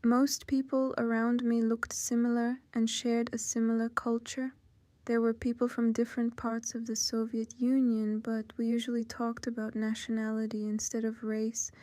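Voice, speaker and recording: Woman in her fifties, Ukrainian accent, very even delivery, mellow smooth tone, dry close sound. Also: on the high side, dry recording. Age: 50s. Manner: measured, plain and careful sentences. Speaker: interview guest. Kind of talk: oral history interview.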